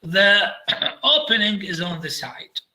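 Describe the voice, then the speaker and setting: A man with an Iraqi accent giving a medical lecture over slides, halting with frequent fillers and slipping into Arabic. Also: high voice, expressive, pushed and bright, poor audio.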